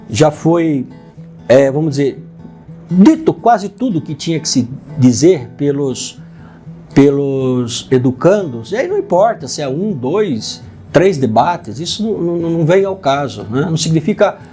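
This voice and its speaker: A man's voice: a little high, mellow. A man with a Brazilian accent, hosting an educational program and explaining step by step, often checking in with his listeners. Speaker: host, union president. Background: faint guitar music.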